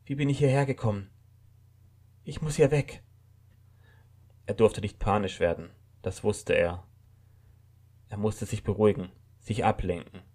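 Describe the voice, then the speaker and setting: Man, story narration, very low pitch, calm and measured.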